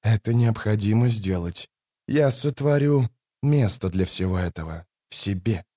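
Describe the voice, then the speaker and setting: A man voicing a solemn elder god who speaks in low, heavy pronouncements, in an audiobook. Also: expressive, a little slow, dark tone, no echo, clean studio sound. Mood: grave.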